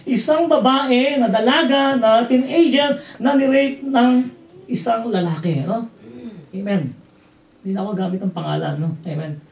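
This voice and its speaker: A man's voice: sits high, a little mellow. A man with a Filipino accent preaching a sermon as pastor, mixing in English and often asking "Amen?" and "no?". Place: church hall. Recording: roomy hall audio from a distance.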